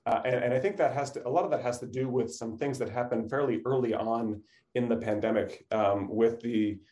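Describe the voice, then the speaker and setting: Mellow-voiced man explaining as guest expert. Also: mid-range voice, fairly even intonation, a little fast. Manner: informal explaining, often checks with "you know" and "right". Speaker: academic supply chain expert, interview guest. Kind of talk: conversational expert explanation in a radio interview.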